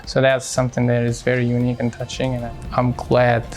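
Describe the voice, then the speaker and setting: A man from Syria, a cardiologist speaking in a hospital profile interview, measured and halting with many fillers. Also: medium pitch, monotone, soft background music.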